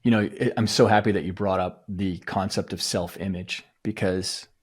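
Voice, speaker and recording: Husky-voiced man coaching emphatically. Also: low voice, steady tone, moderate pace. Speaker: guest, mindset coach to athletes. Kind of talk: conversational podcast interview.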